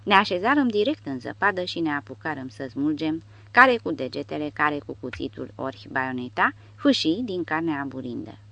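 Rich: A woman narrates an audiobook in a low voice with a steady storytelling delivery. The recording is dull and lo-fi. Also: vocal fry.

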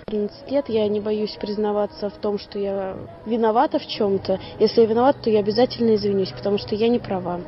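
A woman's voice: mid-range voice, steady tone, fast talker, hardly any pauses, lo-fi sound, faint music behind. A woman frankly answering a street interviewer. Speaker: passer-by interviewee.

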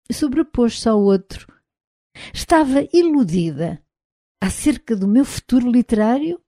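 A woman with a European Portuguese accent narrating an audiobook in a measured, even reading. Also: mid-range voice, dry recording. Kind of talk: scripted narration.

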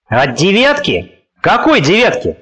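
A male audiobook reader voicing a fussy, anxious elderly professor who asks drawn-out, nervous questions. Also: high voice, huge pitch swings, fairly bright tone, slightly rough, heavily acted. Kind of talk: audiobook character reading.

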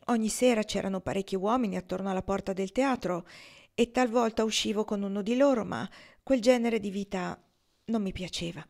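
A woman reading the part of a proud, guarded young woman, blunt and defiant, turning tearful and hushed. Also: mid-range voice, creaky, natural voice.

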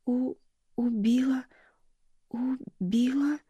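A woman's voice: high voice, steady tone, drawn-out words, mellow, breathy edge, no echo, voice pushed up, heavily acted. A woman voicing a panicked teenage girl. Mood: stammering. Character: frantic teenage girl in shock.

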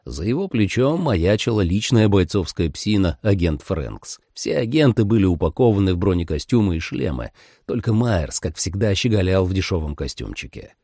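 A man narrates a first-person action audiobook with dramatic flair. His voice is low, dark and gravelly with a husky edge. The pitch swings widely as he tells it. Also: very animated, normal speed, no echo, studio quality. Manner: dramatic, voices every character.

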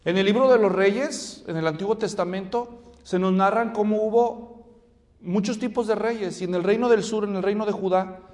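A male preacher giving a sermon with animated storytelling and questions to the congregation. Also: high-pitched, moderate pace. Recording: reverberant hall.

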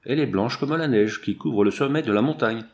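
A man's voice: medium pitch, fairly quick, lightly acted. A man reading the lines of a cunning, defiant warrior orator, arguing in a mocking way in an audiobook. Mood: scornful. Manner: mocking, argumentative speech.

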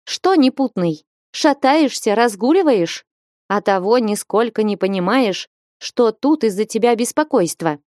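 A woman's voice: on the high side, lively intonation, unhurried, a little mellow, no echo, studio quality, pitched above the performer's own voice. A woman reading an audiobook voices a bold, bossy young village woman who scolds and commands sharply. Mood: scolding.

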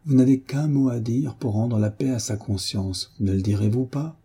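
A man's voice: mid-range voice, normal speed, mellow, breathy edge. A man reading the part of a young woman schoolteacher, earnest and imploring. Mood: pleading. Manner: imploring, heartfelt.

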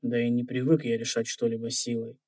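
A man's voice: medium pitch, monotone, fairly quick, a little mellow, slightly rough, no echo, distant mic, close to an everyday voice. An actor playing an earnest young man in an audio fairy tale, with a courteous, serious way of speaking. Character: earnest, polite slight young red-haired man.

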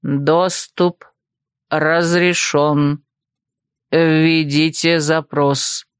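A woman voicing the slow, even, mechanical system voice of a magic book in an audiobook. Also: deep voice, clear, resonant tone, no echo, studio quality, voice pushed down. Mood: announcing. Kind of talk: audiobook reading.

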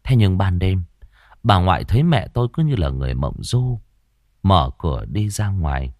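Low-voiced male storyteller, dramatic. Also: normal speed, no room sound, studio quality. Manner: expressive, dramatic. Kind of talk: audiobook story narration.

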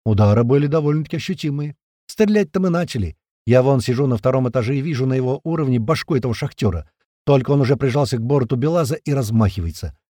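Guy reading an action audiobook, slangy and rough, lively pitch, dark dry voice. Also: fast, dry recording. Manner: colloquial, rough-spoken, vivid. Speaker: audiobook narrator. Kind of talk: first-person audiobook narration.

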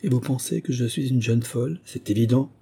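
A man reading an audiobook voices a headstrong, playful young girl, lifting his voice and talking quickly and teasingly. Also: medium pitch, fairly even intonation, mellow, breathy edge, pitched above the performer's own voice.

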